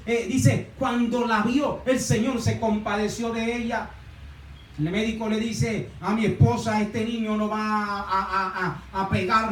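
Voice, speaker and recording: High-voiced man preaching in an echoey hall. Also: slight background noise. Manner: preaching with frequent hesitations and repeated words. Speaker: pastor. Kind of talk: sermon. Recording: echoey room, voice from a distance.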